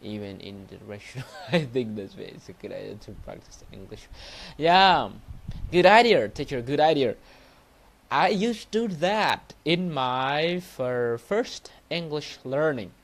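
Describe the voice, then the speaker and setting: Here the Cambodian-accented monk sounds expressive and creaky, his voice sitting in the mid range. Hosting an informal livestreamed motivational talk and lesson, he speaks haltingly and repeats himself, using non-native English phrasing.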